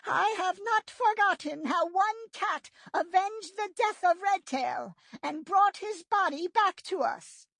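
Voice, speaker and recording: A woman's voice: very high voice, slow pace, creaky, hardly any pauses, fairly bright tone, no room sound, pitched above the performer's own voice, exaggerated voice. A woman voicing a weary female cat clan leader in a storybook, with a tired voice cracked with sadness and a solemn, formal delivery. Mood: solemn grief.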